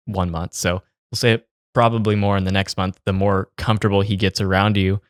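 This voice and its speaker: A young man co-hosts a laid-back podcast, handing out blunt relationship advice. He speaks in a very low voice, casual and direct, now and then swearing. The sound is dry and close. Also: flat delivery, fairly quick, dry recording. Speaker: podcast co-host. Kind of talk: casual chat, giving advice.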